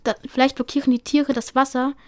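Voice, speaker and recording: An earnest young she-cat apprentice who insists she is right, read out by a woman in a storybook reading. The voice sits a little high, close and dry, with small slips in the reading. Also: little pitch movement, fairly quick, no echo, lightly acted. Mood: insistent.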